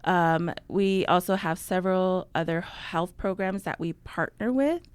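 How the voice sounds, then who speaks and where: Chatty young woman from New Mexico with a smooth voice. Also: on the low side, measured pace, no echo. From Navajo, New Mexico. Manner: chatty, many ums, laughs easily. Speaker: guest, outreach coordinator. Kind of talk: casual interview talk. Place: radio studio.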